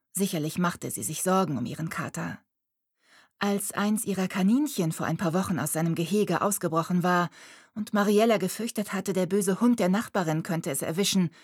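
Calm female audiobook narrator, lowish, husky voice, dry close mic. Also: no room sound. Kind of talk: scripted storybook narration.

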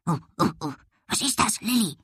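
A woman voicing an excitable small male dog in an audiobook, eager and sniffing with little panting huffs. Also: mid-range voice, normal speed, breathy edge, no room sound, clean studio sound. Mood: excited.

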